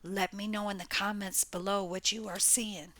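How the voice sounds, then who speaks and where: A woman's voice: mid-range voice, level tone, normal speed, fairly bright tone, no room sound. A woman doing a casual tarot reading for her viewers, blunt and exclaiming, with the odd curse. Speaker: tarot reader. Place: home room near a window.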